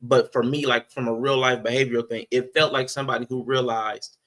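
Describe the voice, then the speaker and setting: A man in casual podcast chat, breaking down a match with animated energy. He laughs easily and repeats his points for emphasis, in an ordinary mid-range voice. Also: mid-range voice, fairly quick, low-quality recording. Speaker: podcast co-host. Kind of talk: casual wrestling review chat.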